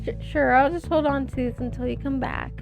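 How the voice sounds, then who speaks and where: A woman's voice: sits high, fairly even intonation, a little fast, gravelly, music in the background. A woman voicing a nervous young librarian in a visual novel, hesitant and stumbling over her words. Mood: flustered.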